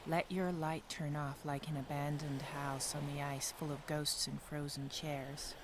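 A woman voicing a lonely, yearning young woman in soft, measured poetic narration. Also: low voice, level tone, noisy background. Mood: wistful. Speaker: narrator of a short film.

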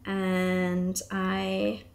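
A woman in her thirties from South Africa, her accent carrying some English influence, talks to camera while working at her bench in a small home workshop. Her medium-pitched voice is gravelly, monotone and extremely slow. She rambles in a casual, chatty way and laughs often.

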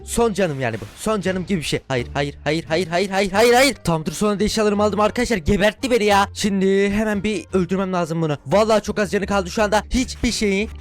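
A young man with a Turkish accent giving excitable gameplay commentary to his viewers, shouting in frustration and cheering during fights. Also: high voice, fast talker, hardly any pauses. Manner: loud bursts of frustration and cheering while fighting. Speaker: gaming YouTuber.

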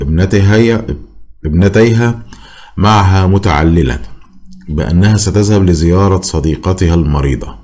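A man narrating a novel aloud with a deep, low voice. His reading is measured and dramatic, in scripted audiobook style. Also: mellow.

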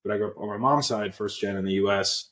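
Talking quickly in a voice on the low side and a bit bright, this young Pennsylvania man is a guest and app co-founder on a video call. He uses earbuds in a small indoor room with a roomy sound, telling his story earnestly in a casual interview with lots of fillers and restarts.

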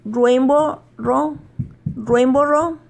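A woman's voice: high voice, drawn-out words, gravelly, darkish tone. A middle-aged woman, chatting casually on a home vlog, laughing often and stumbling over English words. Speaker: vlogger.

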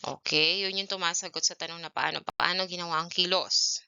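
A woman teacher leads a grade-one lesson on television, throwing questions to the children and checking in with them often. Her voice is very bright and smooth and sits a little high, with lively swings in pitch. The sound is dry and somewhat dull. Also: fairly quick, dry recording. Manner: animated, questioning, repeats "okay" and "yan".

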